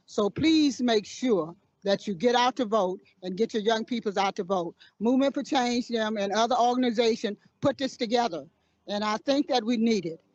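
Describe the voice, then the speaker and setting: An elderly woman from Florida gives an earnest, repetitive statement to a street camera. Her voice sits high, and the recording is dry and dull. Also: moderate pace, a little mellow, no room sound. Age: 80s. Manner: earnest, repeats herself. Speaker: community elder. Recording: dull lo-fi sound.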